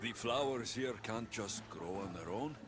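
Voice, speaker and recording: A blunt, impatient game hero. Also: male voice, on the low side, lively intonation, unhurried. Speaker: game protagonist. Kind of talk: video game dialogue. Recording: game audio under a stream, noisy.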